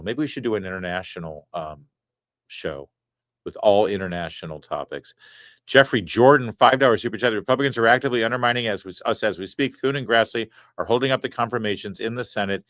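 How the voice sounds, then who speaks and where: Hosting a casual live stream from a studio set, this man reads viewers' super chats aloud and answers with wry, chatty asides. His pitch is fairly low and a bit bright, and the recording is dry.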